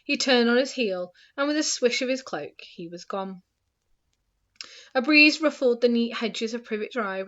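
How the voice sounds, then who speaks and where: Woman reading a storybook aloud, hushed. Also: mid-range voice. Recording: dull lo-fi recording.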